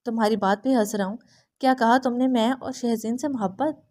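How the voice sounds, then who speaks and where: A woman's voice: on the high side, steady tone, a little mellow, lightly acted. A woman doing a smug, scheming young man. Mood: smug teasing.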